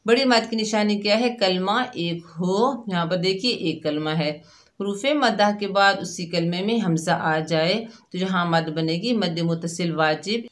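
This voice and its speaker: A woman teaching Quran recitation rules step by step, explaining each letter and then sounding out the syllables slowly. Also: fairly low pitch. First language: Urdu. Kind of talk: slow step-by-step tajweed lesson.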